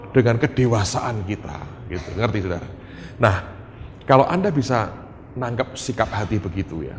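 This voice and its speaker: Animated preacher in an echoing church hall. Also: male voice, on the low side. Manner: animated, conversational, often turns to the congregation. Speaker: pastor. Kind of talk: sermon with told prayers and anecdotes. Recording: reverberant hall, faint room noise.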